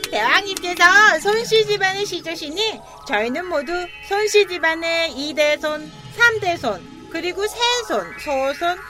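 A woman voicing an excitable young monkey in a children's storybook, eager and reverent toward its king. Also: extremely high pitch, a little slow, few pauses, music in the background. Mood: excited. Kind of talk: dramatized children's storybook reading.

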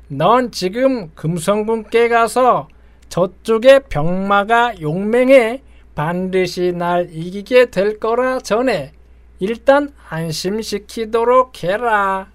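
An actor playing a domineering demon king in an audio drama, speaking like a commanding dark lord. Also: sits high, clear, resonant tone, dry recording.

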